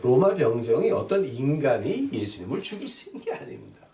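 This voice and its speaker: A preaching pastor reads scripture and asks his audience rhetorical questions, pressing key phrases again and again. His medium-pitched, dark-toned voice swings hugely in pitch at a brisk pace. The sound is roomy and echoey from a distant mic, with faint noise.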